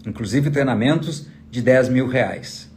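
A man's voice: medium pitch, a little slow, a little mellow, slight background noise. A man giving an emphatic motivational talk as a trainer, full of rhetorical questions aimed at the listener. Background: faint guitar music.

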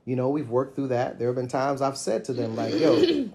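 A middle-aged podcast co-host with an ordinary middle-pitched voice chats in a relaxed conversation, talking fairly quickly over slight background noise. He's reflective and tells long stories, his voice rising and growing animated whenever he quotes himself.

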